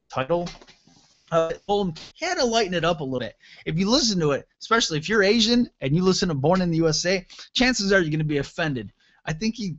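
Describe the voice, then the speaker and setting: A man's voice: on the high side, fairly bright tone, no echo, muffled recording. A middle-aged man hosting a radio show, delivering a sarcastic, mocking comedic rant on his own.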